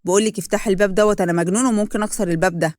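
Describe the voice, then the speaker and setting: A woman voicing a possessive, jealous young man with an Egyptian accent, talking loud and angry. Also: high-pitched, very fast, no room sound, clean studio sound, lightly acted. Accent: Egyptian Arabic.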